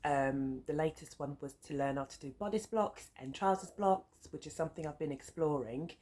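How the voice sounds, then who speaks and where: She speaks at a moderate pace in a low, darkish voice: a sewing vlogger in her thirties whose English bears the accent of her first language, French. Chatting casually to camera, she wanders off on tangents, peppering her talk with "um"s and side notes. Behind her, faint traffic noise comes from the busy road outside her flat.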